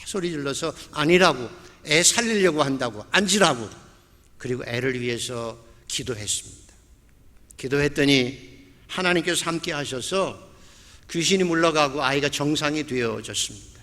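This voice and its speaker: A man's voice: on the high side, lively intonation, normal speed, bright, forceful tone. A male pastor preaching a sermon, telling a story vividly and acting out the quoted lines. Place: church sanctuary. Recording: long church hall reverb.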